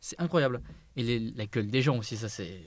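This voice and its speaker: A young man chatting excitedly about cars in a casual conversation, swearing freely. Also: mid-range voice, fairly quick, no room sound. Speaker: car youtuber. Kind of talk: casual chat.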